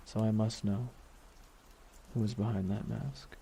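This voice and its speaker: Here a man, close and soft, voices a wistful, menacing villain keeping vigil over his dying superhero nemesis in an intimate ASMR roleplay. His lowish, mellow voice is creaky with fairly even intonation, deliberate and brooding, leaving long pauses and an undercurrent of quiet menace. Noticeable rain on a surface runs underneath, and the mood is reflective and somber.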